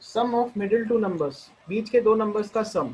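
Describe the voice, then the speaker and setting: A man with an Indian accent teaching a math lesson, working through the steps one at a time and slowing down to read each equation aloud. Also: high voice, a little mellow, husky, low-quality recording. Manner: explains step by step, mixing Hindi and English; slows down when reading out equations. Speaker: math tutor.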